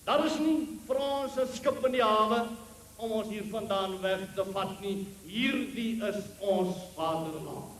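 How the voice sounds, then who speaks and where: Man, high voice, slow solemn oratory, echoey public address from far off. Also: fairly bright tone. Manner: slow, declamatory. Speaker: political leader giving a speech. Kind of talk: rally oratory. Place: outdoor rally over loudspeakers. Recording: echoey PA heard from afar.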